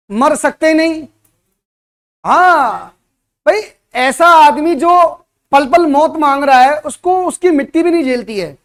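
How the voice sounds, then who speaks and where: A man teaching at a coaching center, giving a motivational classroom talk and throwing rhetorical questions at his students. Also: very high voice.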